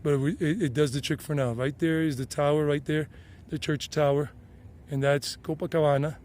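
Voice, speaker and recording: A man's voice: fairly high pitch, fairly even intonation, normal speed, a little mellow. An American man vlogging outdoors on a hilltop trail, chatty and rambling, talking into a handheld camera. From United States. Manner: chatty and rambling, with frequent restarts. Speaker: vlogger and tour guide. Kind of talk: casual hiking vlog.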